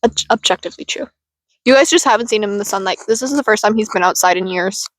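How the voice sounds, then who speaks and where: A woman co-hosts a casual podcast outdoors in the woods, playful and giggly, with a handheld mic passed between speakers. Her voice is mid-range and quick, with no room sound.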